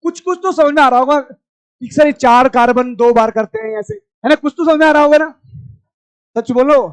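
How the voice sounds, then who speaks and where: High-voiced male teacher shouting in class. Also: expressive, moderate pace, no echo. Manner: loud, scolding and coaxing students. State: strained throat. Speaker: chemistry teacher. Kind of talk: classroom lecture.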